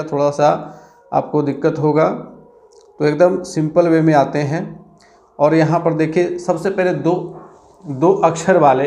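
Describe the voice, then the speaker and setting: A man's voice: fairly high pitch, a little mellow. A man teaching an exam-prep grammar lesson, counting syllables aloud and checking in with "theek hai" after each point.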